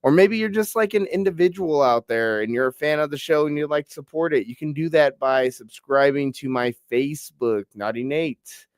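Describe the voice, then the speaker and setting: A young podcast host from the US Pacific Northwest chats casually in an interview on his combat-sports show, laid-back, full of fillers and "bro," and a little stuffy from a cold. His voice is on the high side at normal speed with hardly any pauses. The recording is dry and studio quality.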